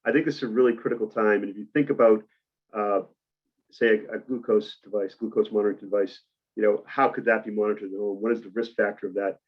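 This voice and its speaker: A man with a Boston accent presenting on a webinar, measured and explanatory, with frequent uhs. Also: fairly low pitch, fairly even intonation, highs cut off. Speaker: industry presenter. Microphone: video call mic.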